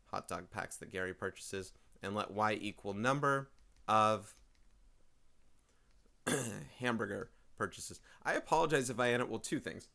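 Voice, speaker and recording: Male math teacher, casual lesson voice: slightly low, gravelly, bright, chatty and self-interrupting. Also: expressive, measured pace. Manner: chatty, thinks aloud, often apologizes and clears his throat. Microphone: desk microphone.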